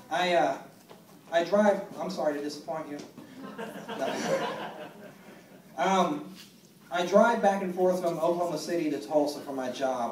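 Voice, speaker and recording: Male stand-up, dry and self-mocking, slightly high voice, recorded from the crowd in a roomy club. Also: slight background noise. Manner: deadpan, self-deprecating, halting with many fillers. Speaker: stand-up comedian. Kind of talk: stand-up comedy set. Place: comedy club stage. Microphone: phone recording from the audience. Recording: echoey room, mic far from stage.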